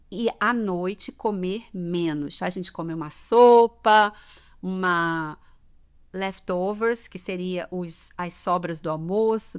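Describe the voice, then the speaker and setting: A Brazilian woman with a medium-pitched, slightly bright voice and a Brazilian Portuguese accent teaches language on a podcast. She chats about everyday customs, explains with examples, and keeps checking in with "tá?".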